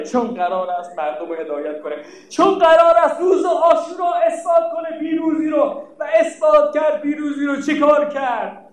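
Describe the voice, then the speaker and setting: Impassioned high-voiced preacher in an echoing hall. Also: male voice. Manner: impassioned, declaiming, rising to cries. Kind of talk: mourning sermon with chanted verse. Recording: very echoey hall, voice far from mic.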